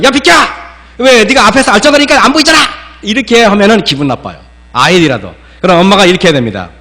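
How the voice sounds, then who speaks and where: A man with a high voice preaches a sermon to a congregation. He throws questions at the listeners and acts out scolding parents. A faint electrical hum runs under the recording. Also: a bit bright. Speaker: pastor.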